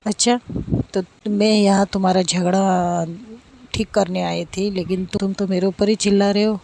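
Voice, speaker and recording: A woman's voice: medium pitch, flat delivery, normal speed, creaky, a little mellow, a little hiss or hum, natural voice. A woman voicing a bold young woman who meddles in strangers' quarrels and speaks her mind. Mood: feisty. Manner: feisty, outspoken.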